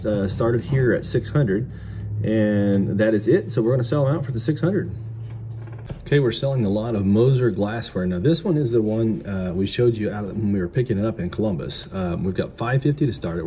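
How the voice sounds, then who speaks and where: The speaker is a middle-aged American man, an auctioneer and vlog host, whose voice is low and dark in tone. He keeps up casual commentary on the lots while selling them, and the background noise is clearly heard.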